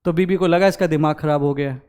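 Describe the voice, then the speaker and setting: A man's voice: a little high, fast talker, smooth. A young man giving a motivational talk to exam students, mixing into his speech and acting out the voices in a story. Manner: animated, acts out quoted characters. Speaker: exam-prep educator.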